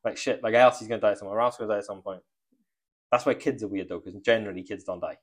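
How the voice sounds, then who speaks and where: A man's voice: lowish voice, quick pace. A man, co-hosting a casual chat and musing about life in a rambling, sweary way. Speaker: podcast co-host.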